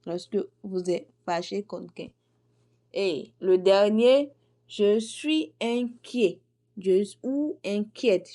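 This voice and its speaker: A young woman teaching a beginner French lesson, saying each phrase slowly and repeating it for learners. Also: mid-range voice, dark tone.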